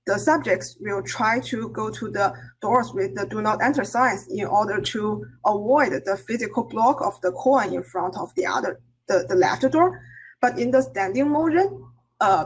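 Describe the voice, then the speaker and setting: A woman giving an academic conference presentation in a halting, hesitant way, often pausing and correcting herself. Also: medium pitch, husky, poor audio. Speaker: research presenter.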